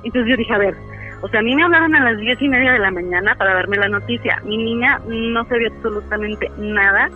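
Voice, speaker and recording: Heard on a tinny phone line with music behind, a woman caller with a higher-pitched voice speaks fairly quickly. Her storytelling is casual and chatty, packed with fillers such as "este".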